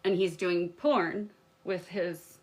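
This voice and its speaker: A woman co-hosting a reaction commentary, sarcastic and openly disgusted by what she is watching. Her voice sits low for a woman. She often drops into quieter asides. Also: steady tone, slow. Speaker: co-host.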